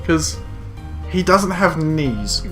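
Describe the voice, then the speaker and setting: A man with a high, bouncy voice chats and jokes through a loose comedy show, often wandering off on tangents. Faint music sits behind him. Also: big pitch swings, extremely slow. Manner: joking, easily sidetracked. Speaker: podcast co-host. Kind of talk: casual comedic chat.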